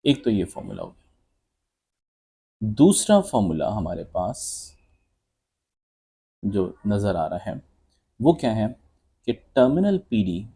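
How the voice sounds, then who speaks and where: A man works through an exam question step by step, as a physics teacher would. He speaks slowly in a dark, slightly husky voice. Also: fairly low pitch, wildly swooping pitch. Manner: explains step by step, calls students beta and bhai. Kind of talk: exam solution walkthrough lesson.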